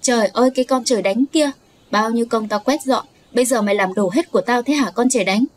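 A woman doing a shrill, scolding street sweeper. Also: fast talker, close to an everyday voice. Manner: scolding, shouting insults.

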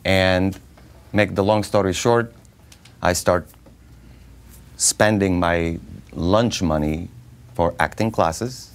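A man's voice: low voice, takes it slowly, long pauses. A middle-aged man with a Bulgarian accent, telling his life story in an interview, joking and laughing often, recorded on a lapel mic in a small studio. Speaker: guest actor. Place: small studio with dark curtain.

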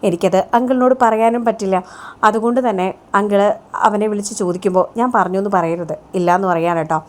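A scheming young woman who speaks urgently and keeps things secret, voiced by a female storyteller. The pitch is middling for a woman. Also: fairly even intonation, fast talker, darkish tone, close to an everyday voice. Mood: conspiratorial. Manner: urgent, conspiratorial.

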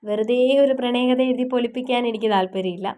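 A woman's voice: a little high, steady tone, fast, warm tone. A woman narrating a romance audiobook and chatting to her listeners while congested with a cough. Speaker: storyteller, channel host.

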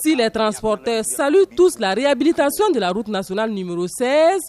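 A man's voice: very high-pitched, a little fast. A man with a Burkinabè French accent reading scripted news narration as a reporter. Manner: lively read-out voice-over.

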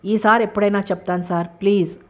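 A woman voicing a witty, sharp-tongued young female typist who jokes at the office, read in an audiobook. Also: medium pitch, steady tone, quick pace, natural voice. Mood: wry. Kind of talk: audiobook character reading.

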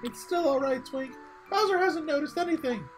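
A woman voicing a sweet, cheerful young princess in a high, sing-song put-on voice while reading game dialogue playfully. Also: moderate pace, over music, natural voice. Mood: sneaky, giggly.

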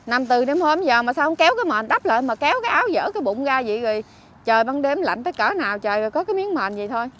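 High-voiced Southern Vietnamese woman fussing. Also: very animated, very fast. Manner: scolding and fussing, exclaims often. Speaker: vlogger helping homeless people. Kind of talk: casual on-street chat. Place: outdoors by a street.

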